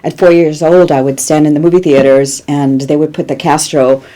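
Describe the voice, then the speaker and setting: A Cuban-born woman in her sixties, a guest producer telling animated stories in an interview and laughing easily. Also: deep voice, normal speed. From Cuba. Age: 60s. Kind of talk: conversational interview storytelling.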